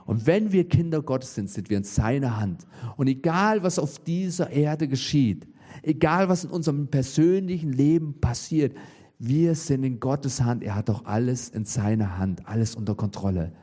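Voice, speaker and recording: A man preaches a sermon with lively emphasis, frequently posing rhetorical questions to the congregation. His pitch is medium and his speed normal.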